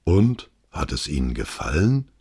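A gossipy shopkeeper who savors grim news, leaning in with a conspiratorial, gloating tone, as a male narrator plays him. His voice is very deep and husky, swinging through a wide, lively range. It is a storybook reading. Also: a little slow, heavily acted. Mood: gossiping. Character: gossipy male newsagent relishing bad news. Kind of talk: audiobook dialogue.

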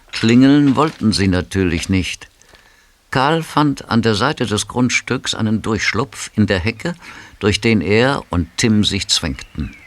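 A man's voice: on the low side, background noise. A man narrating a scripted audio drama as its storyteller.

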